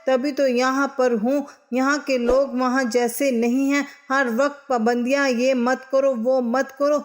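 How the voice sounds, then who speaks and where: A woman's voice: sits high, little pitch movement, close to an everyday voice. A woman voicing a stubborn, sulky young bride.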